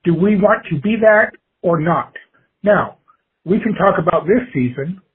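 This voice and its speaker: A man with a rather high, very husky voice leaves a voicemail for a show. It comes through a tinny, narrow phone line. He lays out his opinion in measured, halting phrases with pauses between them. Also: expressive. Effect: voicemail played over a phone line. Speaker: caller leaving a voicemail.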